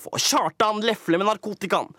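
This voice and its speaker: A man's voice: slightly rough, no room sound, clean studio sound. Theatrical man narrating a mock documentary. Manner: theatrical, swings between booming and hushed. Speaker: comedy show host.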